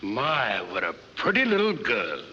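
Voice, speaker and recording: A slow, courtly, flirtatious colonel. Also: male voice, medium pitch, huge pitch swings, bright, forceful tone, highs cut off, a little hiss or hum, full character voice. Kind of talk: 1940s film acting. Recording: distant, reverberant old 1940s film soundtrack.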